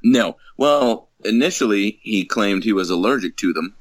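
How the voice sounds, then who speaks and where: A man co-hosting a casual movie podcast, with a deep, low voice that still moves up and down expressively. He jokes in a dry, wry way, often at his own expense. The sound is close and dry, with no room echo. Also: lively intonation, normal speed. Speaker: podcast co-host. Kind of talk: casual movie review chat.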